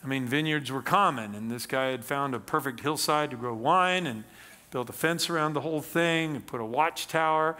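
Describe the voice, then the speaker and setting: A middle-aged man preaching on a church stage, reading scripture and explaining it with animated emphasis. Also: mid-range voice, moderate pace. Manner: animated, gesturing, reads scripture aloud then explains. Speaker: pastor. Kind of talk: sermon.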